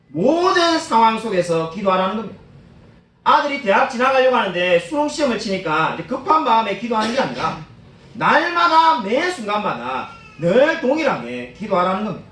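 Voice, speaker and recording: A man's voice: high-pitched, fairly bright tone. A man preaching a sermon as pastor, earnestly addressing his congregation in a church sanctuary. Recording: roomy, distant church hall.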